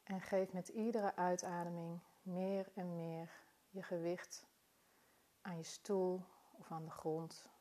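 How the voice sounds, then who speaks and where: A woman guiding a body-scan meditation in a soft, calm, soothing manner, unhurried and with long pauses between phrases. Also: lowish voice. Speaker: meditation guide.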